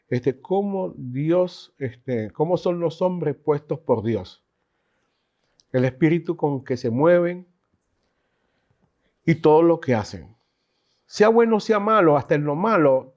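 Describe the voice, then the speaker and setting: Man teaching a Bible class. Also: fairly high pitch. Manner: animated, chatty teaching with asides and laughs. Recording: dull lo-fi recording.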